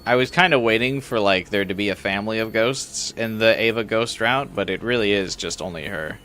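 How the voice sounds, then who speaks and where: A man's voice: on the low side, fairly quick, sharp tone. A man doing casual, irreverent game commentary and reading story text aloud, with some background noise. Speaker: gameplay streamer.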